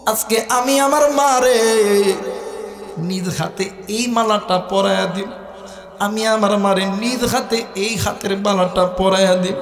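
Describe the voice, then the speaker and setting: A man's voice: high voice, measured pace, a bit bright. A man voicing a grieving adult son who searches for his dead mother, pleading in a wailing, sung voice. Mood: wailing grief. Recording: echoey hall with faint music.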